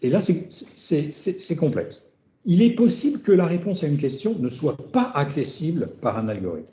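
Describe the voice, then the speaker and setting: A man's voice: on the high side, very animated, moderate pace, mellow. A middle-aged man giving an academic seminar lecture, thinking aloud as he goes, repeating words and tagging his phrases with questions. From France. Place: seminar room. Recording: roomy, dull lecture-room recording.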